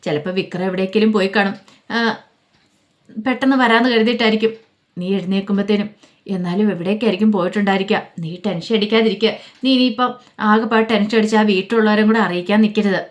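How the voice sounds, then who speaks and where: A young woman friend calmly reassures someone not to panic, voiced by a woman. The voice is plain and close to the reader's own. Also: mid-range voice, fast, natural voice. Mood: reassuring.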